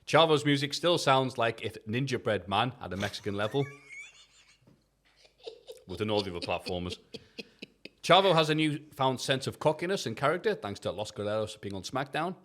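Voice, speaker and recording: A man's voice: mid-range voice, animated, normal speed, a bit bright. A man co-hosting a wrestling review podcast, reading his written recap in a jokey, casual way, swearing and laughing often.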